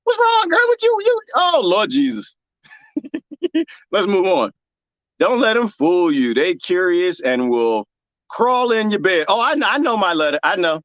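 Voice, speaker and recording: A high-pitched man with a Texas accent talks a little slowly while planting cuttings on his garden livestream. He's animated and jokey, laughing frequently as he reads viewer comments and speaks directly to the chat. The recording sounds dry and muffled.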